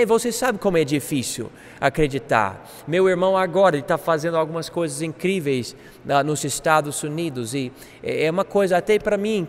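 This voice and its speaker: A man teaching a Bible class, animated, acting out quoted speech. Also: high voice, big-room sound. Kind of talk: classroom lecture.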